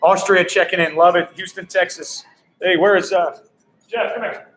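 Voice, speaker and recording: High-pitched upbeat football coach. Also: male voice, fairly even intonation, moderate pace, soft background music, low-quality recording. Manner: upbeat, reads out viewer shout-outs, greets passersby. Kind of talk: casual live-stream walkaround chat. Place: hotel during a coaching clinic.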